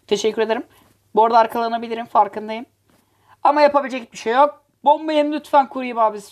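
On her gaming channel, a woman with a somewhat high voice hosts energetic, playful gameplay commentary, ribbing and cursing at competing players.

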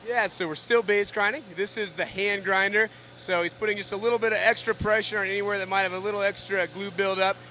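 A man who manages a factory, explaining the production steps in a steady, knowledgeable way. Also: high voice, quick pace, hardly any pauses, a little hiss or hum. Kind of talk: technical explanation.

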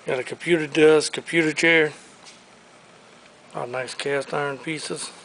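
Walking through a large warehouse showroom, a man with a slightly high, steady, fairly bright voice rattles off furniture and collectibles in a brisk, upbeat sales patter to preview an auction. The handheld-camera recording is rough, with a little hiss or hum.

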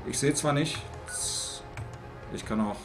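A man giving live gameplay commentary, talking to himself and jumping into shrill bursts of panic. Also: slow pace, loud music behind the voice. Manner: excitable, talks to himself, jumps up to shrill panic. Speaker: let's play host.

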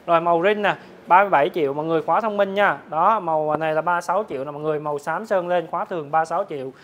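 A man, a motorbike dealer, giving a hard-sell promotional sales pitch to viewers, repeatedly rattling off prices. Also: racing, a bit bright, lo-fi sound. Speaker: motorbike dealer presenting his stock. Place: large open-sided metal-roofed motorbike warehouse.

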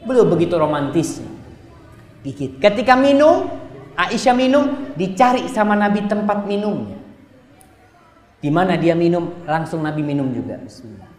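A male preacher delivering a sermon, talking straight to the congregation and swinging between loud exclamations and quiet asides. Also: high-pitched, expressive, moderate pace. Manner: addresses the congregation directly. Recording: echoey hall with long reverb.

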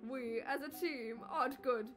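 A woman's voice: high-pitched, measured pace, over music. A woman voicing a brash, sarcastic teenage monster girl in a video game, blunt and slangy. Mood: grumbling.

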